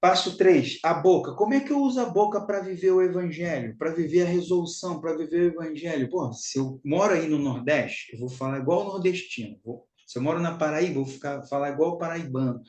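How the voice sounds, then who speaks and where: A man's voice: fairly high pitch, fairly quick, few pauses, darkish tone, reverberant, poor audio. A Brazilian man giving a spiritual teaching talk, emphatic and repetitive, calling his listeners brothers and sisters.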